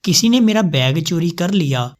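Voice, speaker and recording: A man's voice: fairly high pitch, expressive, natural voice. A man voicing a heartbroken young woman in love, speaking in a pleading, tearful way.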